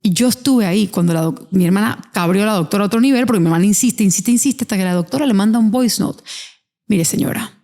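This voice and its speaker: A woman's voice: medium pitch, quick pace, hardly any pauses, warm tone. Woman host telling a story animatedly. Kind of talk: conversational interview.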